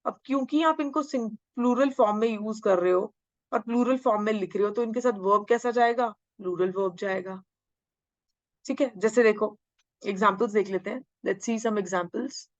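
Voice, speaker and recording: Woman teacher, exam-prep grammar lecture, slow drawn-out lines, dry slightly dull sound. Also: medium pitch, dry recording. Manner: mixes Hindi and English, drawls English sentences slowly, asks and answers own questions. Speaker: English teacher.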